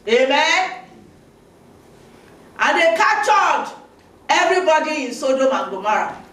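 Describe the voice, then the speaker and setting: A woman preacher leads a sermon at an unhurried, deliberate pace and calls out for amens. Her voice is high and bright. It reaches the mic from far off in a booming, echoey hall with faint background noise. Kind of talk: sermon with congregation call-and-response.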